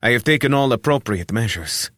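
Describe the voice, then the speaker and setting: A man voicing a sly deputy guildmaster who reassures smoothly. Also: medium pitch, lively intonation, a little fast, a bit bright, no echo, clean studio sound, voice pushed up, lightly acted. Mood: reassuring.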